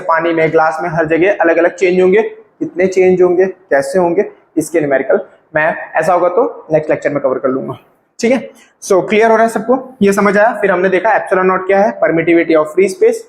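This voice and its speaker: In an echoey room, a man with a high-pitched voice delivers a physics lecture, explaining things step by step and often checking that his students are keeping up. The audio quality is poor.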